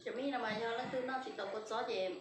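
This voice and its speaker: A woman's voice: a little high, fairly even intonation, fast talker. A woman vlogger chatting casually while cooking at home. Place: home kitchen. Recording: echoey, distant, noisy home recording.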